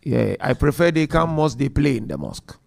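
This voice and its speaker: A man lecturing a mosque congregation in a gravelly, creaky voice. He talks directly and with animation to the listeners, at a middle pitch for a man. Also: brisk. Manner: direct, animated, addresses the audience.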